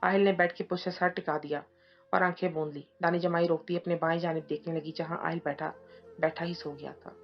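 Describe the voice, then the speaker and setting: A woman narrating a romantic novel in a steady storytelling manner. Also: lowish voice, fairly quick. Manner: steady storytelling, reading all parts in her own voice. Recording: dull lo-fi audio with soft music behind.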